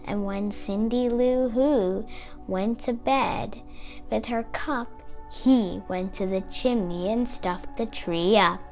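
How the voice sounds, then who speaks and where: A woman reading a rhyming children's story aloud in a dramatic, deliberate storytelling manner. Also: mid-range voice, faint music behind. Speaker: storybook reader.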